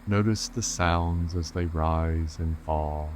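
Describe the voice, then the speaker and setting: A man leads a calm grounding meditation as a guide, speaking gently and unhurriedly with measured pauses. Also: extremely low pitch. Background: rainforest sounds with insects, soft music.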